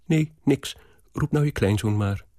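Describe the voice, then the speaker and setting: A man reading aloud as a lovesick, anxious young woman, in a low, earnest, pleading tone. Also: unhurried, mellow, dry recording, studio quality, natural voice. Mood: urgent.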